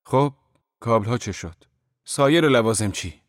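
A man's voice: mid-range voice, expressive, no room sound, clean studio sound, voice pushed up, close to an everyday voice. A man voicing an educated male boss in an audiobook, talking in a mock-angry, sarcastic way. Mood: teasing.

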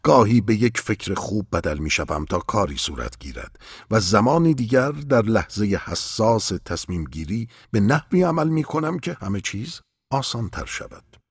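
A man voicing a calm, mysterious old man who patiently explains things to a young shepherd in an audiobook story. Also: fairly low pitch, breathy edge, no echo, clean studio sound, voice pushed up, heavily acted. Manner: patient, instructive.

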